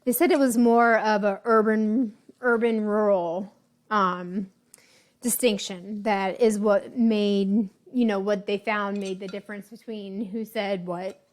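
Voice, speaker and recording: A woman casually demonstrating a baking recipe, chatty and relaxed with frequent ums and little asides. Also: mid-range voice, slow. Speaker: home baking instructor.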